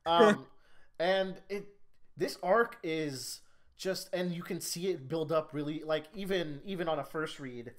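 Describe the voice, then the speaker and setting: A man's voice: fairly high pitch, unhurried, slight background noise. A man co-hosting a podcast in casual chat, eagerly steering the discussion along. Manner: enthusiastic, steers the talk. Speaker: podcast co-host.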